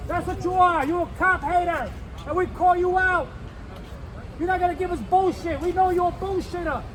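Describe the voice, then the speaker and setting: A man in his fifties from New York, heckling at an outdoor rally, shouting and repeating taunts in English and Spanish. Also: extremely high pitch, fairly even intonation, normal speed. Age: 50s. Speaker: street protester. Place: outdoors by a city building. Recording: crowd and street noise. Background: crowd, traffic.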